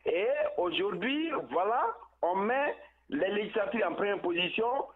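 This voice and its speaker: Male phone-in caller heard over a thin, crackly phone line, higher-pitched, halting delivery with repeated words. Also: lively intonation. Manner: halting, repeats words while searching for them. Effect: tinny phone line with poor connection. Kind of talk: political call-in commentary. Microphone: telephone.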